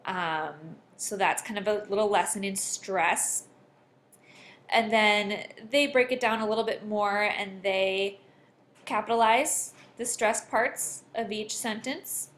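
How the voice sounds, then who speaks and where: A woman's voice: mid-range voice, slow, fairly bright tone, slight background noise. A woman teacher talking her class through a homework worksheet over a screen recording, explaining each answer and reading examples aloud with exaggerated stress.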